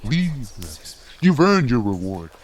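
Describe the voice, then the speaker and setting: Man as ancient evil voice of domination, fantasy story: very slow, greedy, tempting, lively intonation. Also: medium pitch, voice pushed down. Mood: tempting, commanding. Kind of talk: dramatic fantasy narration.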